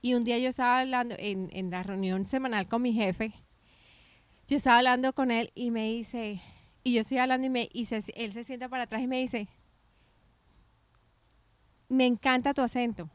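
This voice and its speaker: A middle-aged woman from Colombia, telling her story in a casual faith podcast chat, animated and often restarting her sentences. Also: fairly high pitch, fairly quick, clean tone, dry recording. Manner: animated storytelling with many restarts and self-corrections.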